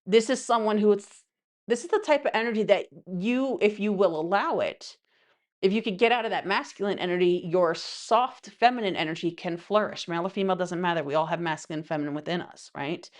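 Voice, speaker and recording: A woman's voice: on the low side, a little fast. A woman giving a casual tarot reading in a chatty, rambling way, full of asides. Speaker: tarot reader.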